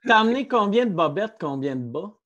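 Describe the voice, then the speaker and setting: A man with a Quebec French accent hosts casual banter. His voice is notably high for a man and swings widely in pitch as he talks. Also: sing-song, fairly quick, a bit bright, muffled recording.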